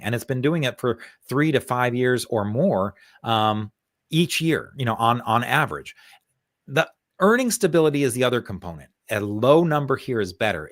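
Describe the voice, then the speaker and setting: A man's voice: medium pitch, dry recording, studio quality. A male co-host explaining stock charts in a casual, thinking-aloud way, with frequent fillers and repeated words. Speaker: co-host, stock market analyst. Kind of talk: conversational market analysis.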